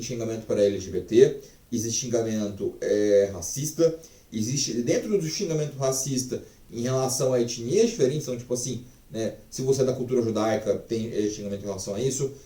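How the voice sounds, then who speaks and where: A man's voice: mid-range voice, dark tone, distant mic. Chatty, swearing man in an echoey room. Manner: chatty, profane, many fillers. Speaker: language teacher. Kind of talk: casual online language lesson.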